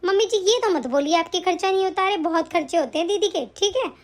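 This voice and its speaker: Woman voicing a wronged young wife and mom, tearful and pleading, super high pitched, cartoon story. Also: fast. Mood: arguing. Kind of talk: animated story voice acting.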